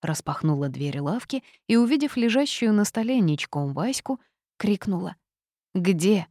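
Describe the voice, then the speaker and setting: A woman reading a fantasy novel aloud in the first person, lively and expressive. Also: mid-range voice, moderate pace, no room sound, studio quality. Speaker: audiobook narrator.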